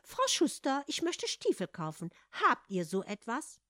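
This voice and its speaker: A woman's voice: on the high side, wildly swooping pitch, measured pace, pushed and bright, no echo, clean studio sound, voice pushed up, heavily acted. A woman voicing a sly, bossy talking tomcat who scolds and schemes, in a read-aloud fairy tale. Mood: scheming, bossy.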